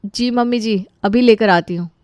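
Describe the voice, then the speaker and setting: A woman's voice: a little high, normal speed, a little mellow, no room sound, studio quality, voice pushed up, lightly acted. A woman playing an overworked dutiful young wife. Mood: polite. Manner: polite, weary.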